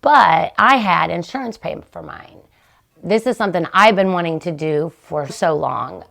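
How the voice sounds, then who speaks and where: A chatty middle-aged woman rambles through a story on her podcast. Her voice sits fairly low with a gravelly fry, and she jumps up in pitch when she gets excited. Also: normal speed. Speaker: podcast host. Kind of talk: casual chat.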